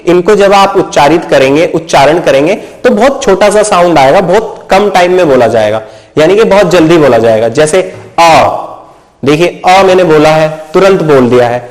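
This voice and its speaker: High-voiced man teaching a Hindi lesson. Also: lively intonation, a little fast, a little mellow, low-quality recording. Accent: Hindi mixed with English words. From Uttar Pradesh. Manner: talks in questions he answers himself, often checks in with "ठीक है". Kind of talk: explanatory video lesson.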